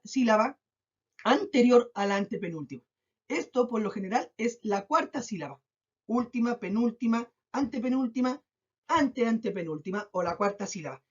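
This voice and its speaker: A woman teacher giving a recorded class, patient, drawing out syllables slowly and checking in often. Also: on the high side, darkish tone. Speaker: school teacher. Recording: dull lo-fi recording.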